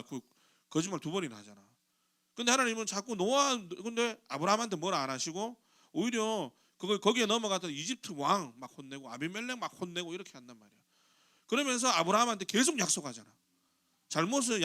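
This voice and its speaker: A man's voice: high voice, pushed and bright. A middle-aged male pastor giving a chatty youth sermon in a church sanctuary, often asking the congregation questions and briefly acting out quoted voices. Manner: acts out quoted voices in short bursts.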